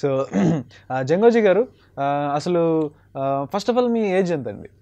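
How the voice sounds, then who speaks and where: A man's voice: on the high side, lively intonation, slow, warm tone, lo-fi sound. A man hosting an interview, echoing the guest's answers and mixing English words into his questions. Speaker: show host.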